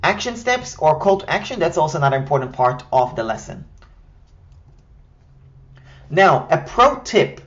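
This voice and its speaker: With a fairly high pitch and dull audio, a man from Israel presents a scripted tutorial on building an online course. His delivery is step-by-step, structured and direct, and he speaks with the Israeli accent of a native Hebrew speaker.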